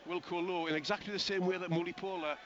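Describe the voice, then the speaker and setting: A man giving live play-by-play radio commentary on a rugby match, with rapid running calls and chatty asides to his co-commentator. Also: high voice, steady tone. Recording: lo-fi broadcast with outdoor crowd noise.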